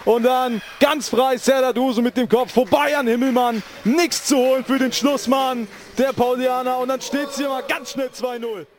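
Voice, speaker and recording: A man giving live football commentary for the home side, excited and shouting out the goals. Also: very high-pitched, moderate pace. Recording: noisy stadium ambience.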